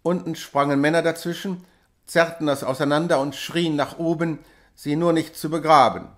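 A man reading a classic novella aloud in a measured, dramatic storytelling manner. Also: on the high side, fairly even intonation. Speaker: audiobook reader. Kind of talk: literary reading.

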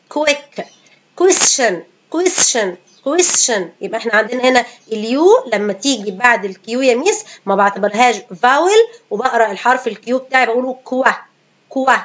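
A woman English teacher with an Egyptian Arabic accent, giving a pronunciation lesson, repeating each example word slowly and answering her own questions. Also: on the high side. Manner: asks questions and answers them herself. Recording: dull lo-fi sound.

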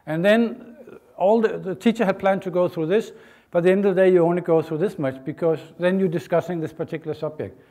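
A middle-aged man from Denmark, giving a university lecture in an informal, halting way with many fillers and restarts. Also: sits high, dark tone. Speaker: guest lecturer. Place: lecture hall, indoors.

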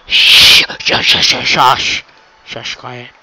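Slow and medium-pitched with little pitch movement, a sharp-toned teen boy with a cold records a casual screen-captured tutorial from an indoor room at his computer. The recording is rough but has no room sound, and he rambles, corrects himself, and swears casually.

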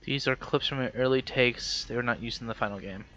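A man's voice: medium pitch, brisk, a bit bright, lo-fi sound, slight background noise. A young man thinking aloud while he plays a game, musing and hesitant. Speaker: gamer. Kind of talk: let's play commentary.

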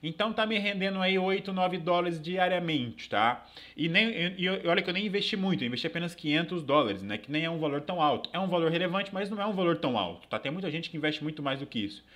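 Bright-voiced Brazilian man walking through a tutorial. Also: a little high, lively intonation, fast. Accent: Brazilian Portuguese. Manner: casual, filler-heavy, frequent tag questions. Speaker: crypto channel host. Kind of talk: live screen-share tutorial. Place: small room indoors.

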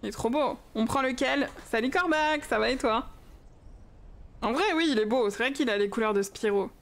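Excited young woman streaming a game. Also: on the high side, normal speed. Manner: excited, chatty, talks to her pets and chat. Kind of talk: casual Minecraft livestream commentary.

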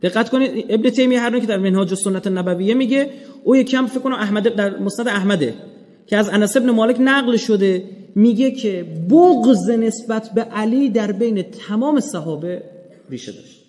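An Iranian man giving an animated religious lecture, swinging from loud emphatic points to hushed, low asides and acting out quoted speech. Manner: acts out quoted speech in storytelling. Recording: long hall reverb.

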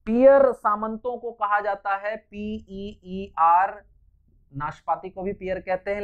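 A man's voice: sits high, clear, resonant tone. A male English teacher giving a classroom lecture, patiently explaining and spelling out words letter by letter. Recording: slightly dull lo-fi recording.

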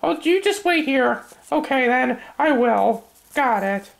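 Super high pitched amateur cartoon voice doing the whole family, talks slow. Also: female voice, lively intonation, creaky, noisy background. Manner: acts several family roles with the same voice. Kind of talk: fan-made grounded video voice acting.

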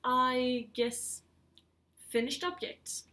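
Speaking extremely slowly, a woman with a high, bright voice and forceful tone chats about knitting with faint music in the background. She is a Swedish podcast host in her thirties with a Swedish accent, casual and a little hesitant, recording in her living room at home.

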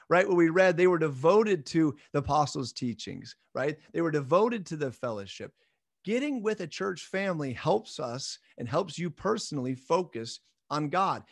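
A man's voice: a little high, dry recording, studio quality. A man in his thirties giving a recorded midweek Bible lesson from a small room at home, speaking earnestly and encouragingly and laughing off his own slips. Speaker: church minister.

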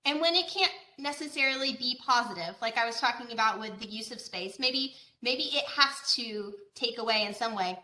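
Bright-voiced woman presenting online. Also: a little high, moderate pace, hardly any pauses, echoey room. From Georgia, USA. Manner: conversational, with frequent fillers and rhetorical questions. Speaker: agricultural educator. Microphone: video call.

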